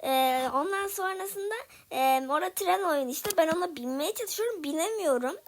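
Young female gaming creator, high voice, frustrated chatter to viewers, faint noise behind. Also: animated, moderate pace. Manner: frustrated, talks to viewers while playing. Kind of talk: casual gameplay commentary.

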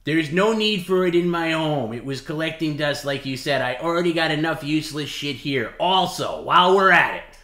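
The man hosting this livestream has a sharp tone, pitched on the high side, animated and at normal speed. Casual talk mixes with dramatic reading, and he keeps goading through emphatic repetition. Expect an echoey, roomy sound.

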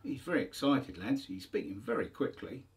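A man's voice: medium pitch, expressive, moderate pace. A man hosting a band video, chatting jokily to viewers and acting out a phone call in a music room. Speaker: band host. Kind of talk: casual chat.

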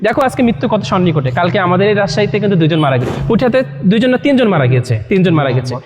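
Fast, high-voiced man in a reverberant hall. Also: lively intonation, background noise. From Bangladesh. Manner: coaxing, asks listeners questions. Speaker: publisher's presenter addressing young men. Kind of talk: promotional talk to a live group.

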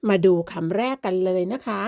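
A woman's voice: medium pitch, normal speed, mellow, dry recording, clean studio sound. A woman teaching a beginners' language lesson, explaining politely and patiently and drawing out each example word. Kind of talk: slow beginner lesson narration.

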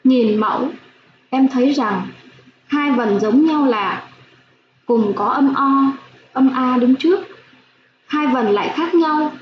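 A woman primary school teacher giving a slow phonics lesson for young children, spelling out sounds clearly with gentle instructions. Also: sits high. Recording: echoey room, dull lo-fi sound, faint hiss.

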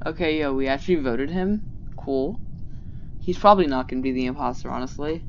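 Slangy, excitable gamer guy, lo-fi mic. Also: on the high side, brisk. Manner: slangy, excitable, talks to himself while playing. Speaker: gaming channel host. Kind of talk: casual gameplay commentary. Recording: dull lo-fi mic with faint hiss.

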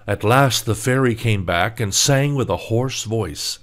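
A man narrating a fairy tale for English learners in a slow, clear and expressive reading. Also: medium pitch. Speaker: storyteller.

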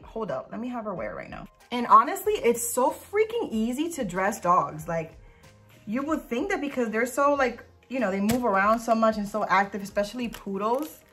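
A woman's voice: mid-range voice, fairly bright tone. A young woman chatting casually in a vlog as she shows off dog clothes, gushing and sometimes cooing. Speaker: vlogger showing dog clothes. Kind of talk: casual product review vlog.

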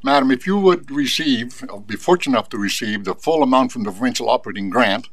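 A man's voice: mid-range voice, fast talker, a bit bright. Formal, polite councillor man. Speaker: town councillor. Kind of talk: questioning at a council meeting. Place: council chamber, indoors.

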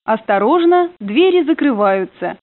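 A woman's voice: fairly high pitch, sing-song, measured pace, no echo. A woman reading prerecorded train announcements, heard over the train's intercom, polite and formal. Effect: played over a train intercom. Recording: narrow phone-like dry sound.

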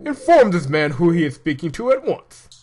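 A man's voice: fairly high pitch, very animated, normal speed, a little mellow, pitched above the performer's own voice. A man voicing a pompous, boastful male lord who calls himself a great hero, in a game read-through.

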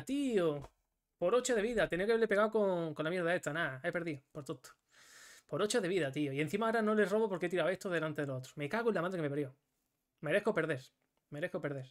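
Male streamer, frustrated self-scolding gameplay commentary, heavy swearing. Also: fairly high pitch. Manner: swears often and scolds himself, in bursts of frustration.

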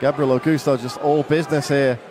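A man with a mid-pitched voice calls a fight live as play-by-play commentator. An arena crowd and clear venue noise sit behind his voice. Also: flat delivery, a little fast.

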